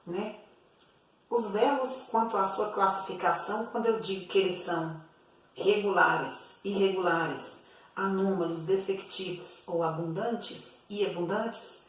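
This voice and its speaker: A woman's voice: medium pitch, a little hiss or hum. A woman teaching a grammar video lesson, patiently explaining and stretching out stressed syllables in her examples. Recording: very echoey room, voice from a distance.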